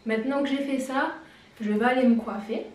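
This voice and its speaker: A woman's voice: sits high, steady tone, brisk, darkish tone. A woman giving a casual hair-care tutorial, chatty and explanatory, and now and then she laughs at herself. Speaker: beauty vlogger. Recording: very echoey room, distant mic.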